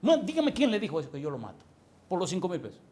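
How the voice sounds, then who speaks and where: A man's voice: mid-range voice, racing, creaky, darkish tone, lightly acted. A man voicing a humble male street sweeper who is eager to please, pleading and tearful while telling a story in a sermon.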